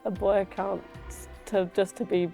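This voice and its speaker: A woman's voice: medium pitch, little pitch movement, normal speed, vocal fry, warm tone, soft background music. A nineteen-year-old woman from Eastbourne talking candidly and jokingly in an interview. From Eastbourne, England. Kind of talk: documentary interview.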